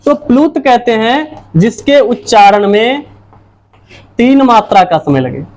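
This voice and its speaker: A woman's voice: on the high side, lively intonation, takes it slowly, darkish tone. A woman teacher giving a lecture, asking her own questions and answering them, and repeating each key point. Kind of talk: classroom-style lecture.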